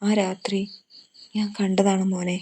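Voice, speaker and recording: A woman's voice: medium pitch, flat delivery, slow, dark tone, breathy edge. A woman voicing a grieving old grandmother who confesses a long-kept secret in a trembling voice. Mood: shaken, tearful.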